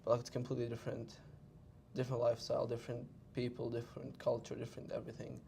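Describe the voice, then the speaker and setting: A young man from Palestine, speaking casually as an interview guest in a gravelly, flat, dark voice. A faint rumble hums underneath. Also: racing. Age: young adult. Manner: casual, lots of 'like'. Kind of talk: interview answers.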